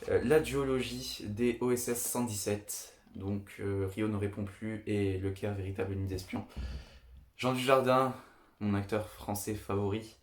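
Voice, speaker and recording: A young man with a lowish voice talks through his favourite films in a casual, eager monologue. He repeats himself often and gushes about what he likes. His voice rings in an echoey room. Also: fairly even intonation, unhurried, a little hiss or hum. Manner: enthusiastic, repetitive, chatty. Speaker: video host. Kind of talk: casual film review monologue.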